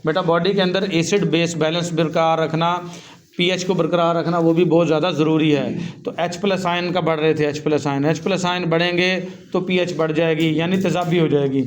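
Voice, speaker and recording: A man teaching physiology, reading English lines slowly and then explaining them, calling his students "beta" and asking and answering his own questions. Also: a little high, steady tone.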